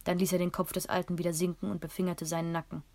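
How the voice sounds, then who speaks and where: A woman reading a first-person story aloud in a calm, measured way. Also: fairly low pitch. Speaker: audiobook narrator.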